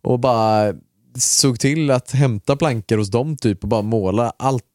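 A man co-hosting a podcast, casually telling a long anecdote in a relaxed, chatty way with lots of filler words and mild swearing. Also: medium pitch, dry recording, clean studio sound. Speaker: podcast co-host.

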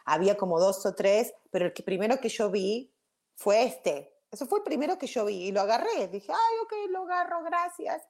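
A woman's voice: mid-range voice, animated, fairly quick, darkish tone. A woman giving an informal spiritual talk to viewers. She rambles with restarts, keeps checking in with 'ok?' and drops English words into her Spanish. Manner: chatty, checks in with frequent 'ok?'. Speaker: spiritual teacher.

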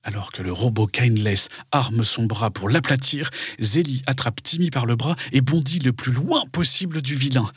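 A man's voice: mid-range voice, moderate pace, few pauses, slightly rough, no room sound, clean studio sound. A man narrating a scripted dramatic story for children.

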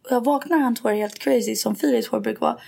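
Young woman podcasting, kinda high voice with lots of vocal fry, tells stories, swears in english. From Sweden. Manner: animated storytelling, mixes in English and swearing. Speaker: podcast co-host. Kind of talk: casual chat.

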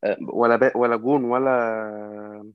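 A man with an Egyptian Arabic accent in casual football discussion, halting and repetitive as he searches for words. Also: mid-range voice, level tone, clear, resonant tone, dry recording, dull audio. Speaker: football fan commentator.

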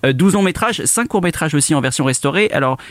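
A man's voice: on the high side, lively intonation, fast, no echo. A man hosting a radio film segment, talking with many fillers and restarts. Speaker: radio show host. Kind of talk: cultural radio chat.

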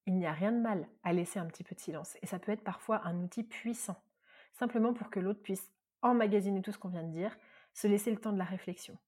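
A woman from France hosting a self-help podcast, talking very fast and lively as she gives advice. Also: mid-range voice, breathy edge. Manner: very fast, lively talker with many examples. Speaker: podcast host and coach.

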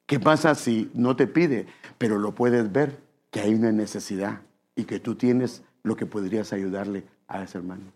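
Preaching a sermon in a fairly low, slightly rough voice at normal speed, a man keeps things conversational. He asks his listeners questions and calls them brother.

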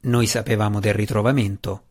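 A gruff, world-weary deep gnome, put on by a male narrator. He speaks slowly in a low, grumbling voice that carries the weight of old guilt, as in a fantasy audiobook. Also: little pitch movement, darkish tone.

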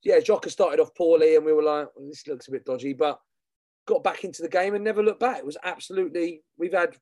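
A man talks in a slightly high-pitched voice, recorded very dry. He co-hosts a casual football show. His delivery is chatty and colloquial, full of banter. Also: quick pace, dark tone, dry recording. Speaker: podcast co-host.

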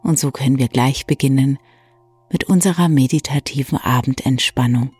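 A person gently guiding an evening relaxation in a soft, hushed, soothing voice with long pauses. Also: mid-range voice, breathy edge, no echo. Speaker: meditation guide and bedtime story reader. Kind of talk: soft, soothing guided meditation for bedtime. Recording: soft new-age music bed. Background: calm new-age music.

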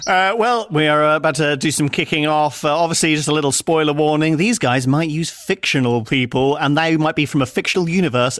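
A man's voice: a little high, a bit bright, no room sound. Upbeat male podcast host, dry sound. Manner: upbeat, laughs often, quick to joke. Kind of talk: comedy podcast banter.

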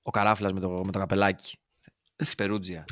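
A man co-hosting a casual football podcast, talking in an animated, jokey way and often trailing off mid-sentence. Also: low-pitched, dry recording, clean studio sound. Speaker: podcast co-host.

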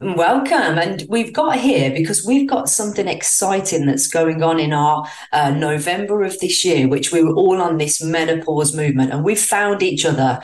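A woman's voice: sits low, normal speed, hardly any pauses. A woman with a British accent hosting a podcast interview, speaking in an effusive, gushing way full of spiritual phrasing. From Britain. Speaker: podcast host. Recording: roomy echo, distant from mic.

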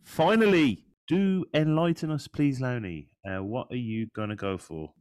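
A man's voice: mid-range voice, a little slow, a little mellow, clean tone, no room sound. Male podcast co-host, jokey track intros, dry close sound. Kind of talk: casual chat about music.

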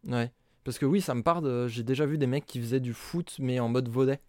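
A man co-hosting a podcast in casual chat, joking and teasing with quick reactions. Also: mid-range voice, fairly even intonation, mellow, dry recording. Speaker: podcast co-host.

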